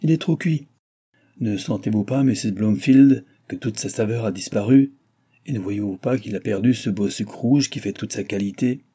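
A man voicing a fussy, complaining middle-aged gentleman who scolds in an indignant, peevish manner. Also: lowish voice, normal speed, breathy edge.

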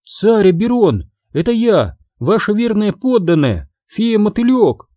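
A man doing a squeaky tiny moth fairy. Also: measured pace, no echo, studio quality. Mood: eager. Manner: squeaky, excited. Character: tiny shrill female moth fairy, eager.

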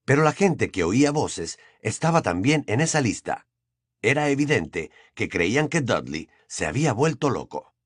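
Guy reading an audiobook, super lively up and down voice, dry close mic. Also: mid-range voice, moderate pace, no room sound. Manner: expressive storytelling. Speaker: audiobook narrator. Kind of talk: scripted narration.

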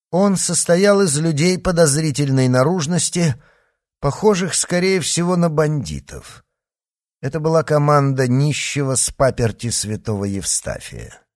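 A man narrating an adventure novel in an expressive, storytelling way. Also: on the high side, no room sound, clean studio sound. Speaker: audiobook narrator. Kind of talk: scripted narration.

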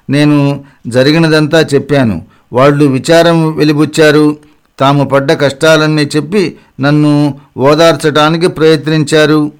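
Male audiobook narrator, slightly higher voice, clean and resonant, even memoir reading. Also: smooth. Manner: steady, measured first-person reading.

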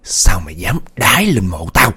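Low growly ghost voice, slow and creepy, as a guy puts it on, husky. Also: sing-song, bright, forceful tone, soft background music, exaggerated voice. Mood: menacing. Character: menacing dead man's ghost, growling.

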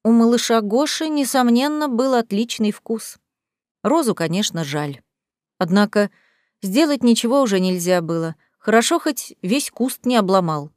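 A woman in her sixties reading a first-person audiobook in a calm, measured storytelling manner. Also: a little high, dry recording, clean studio sound. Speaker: audiobook narrator.

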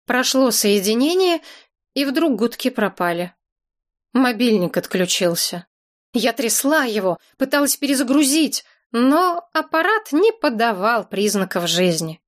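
A woman reading an audiobook chapter as a narrator, in a lively, expressive way. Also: a little high, unhurried. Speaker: audiobook reader. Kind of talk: scripted narration.

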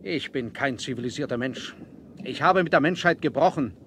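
An actor playing a proud, defiant submarine captain in a 1970s adventure radio play, speaking in a measured, formal, commanding way. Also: male voice, mid-range voice, a bit bright, natural voice. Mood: defiant, impassioned. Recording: noisy 1970s vinyl audio drama.

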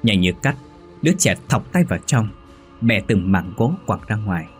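A man narrating a horror story in a measured, ominous reading. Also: fairly low pitch, expressive. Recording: faint background music.

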